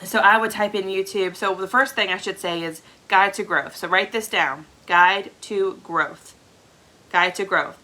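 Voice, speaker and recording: This young woman, a direct sales team leader, sounds congested as she chats casually while training new sellers over a live stream, frequently checking in with "okay?". She speaks at a measured pace in a sharp, mid-range voice from a home room with a product shelf.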